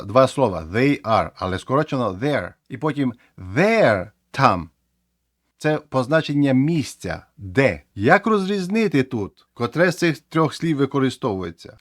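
A man's voice: mid-range voice, no echo. Man teaching English grammar, dry sound. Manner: explanatory, repeats words to demonstrate. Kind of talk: explaining English grammar to learners.

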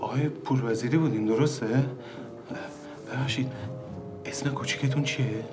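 An actor playing a smooth, conspiratorial man who schemes to collect a debt. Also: mid-range voice, lightly acted. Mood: scheming. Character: wily middle-aged male fixer, scheming. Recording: background music.

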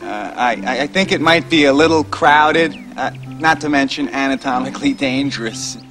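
A man's voice: mid-range voice, moderate pace, a bit bright, soft background music, close to an everyday voice. An actor playing an impatient travelling man in a TV musical comedy, grumbling in exasperation. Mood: exasperated. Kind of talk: live-action TV musical comedy acting.

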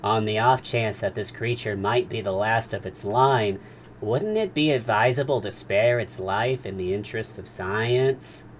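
A man's voice: lowish voice, little pitch movement, normal speed, hardly any pauses, a little hiss or hum, natural voice. A man doing an earnest, pedantic servant. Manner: earnest, serious. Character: earnest, pedantic young male servant, fond of classification.

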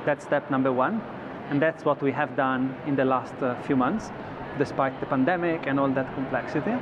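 A man in his thirties talks as a guest on a convention-floor studio set. He explains at an easy middle pitch, often restarting his words. The audio is slightly muffled, with clear crowd noise around him. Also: steady tone, normal speed. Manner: thoughtful, many restarts and fillers. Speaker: company executive guest. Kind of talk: trade show interview.

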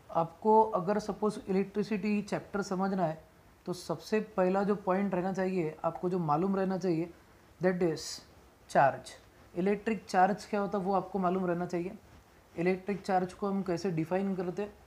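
A woman physics teacher giving a classroom lecture, dictating definitions slowly and repeating phrases word by word while mixing Hindi and English. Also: medium pitch, dark tone. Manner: mixes Hindi and English mid-sentence.

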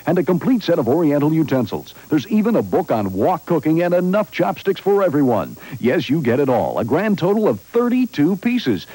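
Husky hard-sell ad man, very lively pitch. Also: low-quality recording. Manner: emphatic, punchy salesman delivery. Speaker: infomercial announcer.

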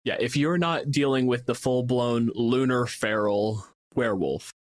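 In a casual tabletop gaming discussion, a man who co-hosts the podcast and serves as game master reasons aloud and acts out short examples. His voice is medium in pitch and unhurried.

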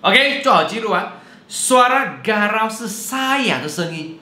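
Male teacher, bright and very expressive delivery, recorded in a roomy space. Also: high-pitched, a little slow. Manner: animated and jokey, mixing in English and Malay words. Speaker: language teacher. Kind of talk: playful video lesson. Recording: roomy echo.

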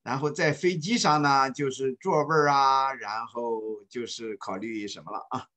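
A man teaching an online English class, speaking slowly and patiently and repeating phrases for students to follow. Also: medium pitch, pushed and bright. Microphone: video call.

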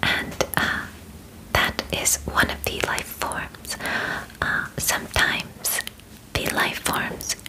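In a small bedroom, a woman in her twenties whispers softly and breathily, playing a polite, matter-of-fact female alien medical examiner for an ASMR roleplay. Her phrasing is gentle, halting and measured, with formal wording and short pauses. The recording is low quality.

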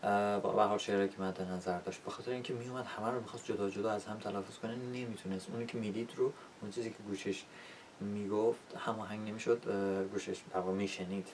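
A man whose first language is Persian teaches English pronunciation, saying each example word slowly and then again. His voice sits fairly low and reaches the mic from some distance, with a faint rumble behind it. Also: steady tone. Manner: demonstrates sounds by repeating words slowly. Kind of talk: spoken lesson.

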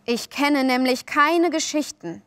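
A woman's voice: high voice, expressive, unhurried, fairly bright tone, no room sound, voice pushed up, heavily acted. A woman voicing a cocky, sly boy who coaxes and boasts. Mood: coaxing. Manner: boastful, coaxing, offhand.

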